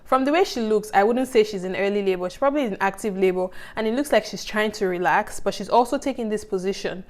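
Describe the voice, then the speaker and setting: A woman's voice: medium pitch, fast. A woman teaches an online childbirth course in a loose, conversational way. She sounds reassuring and keeps checking in with her listeners. Her talk is full of restarts and fillers. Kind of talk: casual online course lecture.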